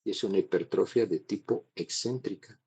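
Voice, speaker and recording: A man's voice: on the low side, normal speed, gravelly, warm tone, slightly rough, rough recording. A man giving a classroom lecture on cardiology, explaining step by step and checking in with his students.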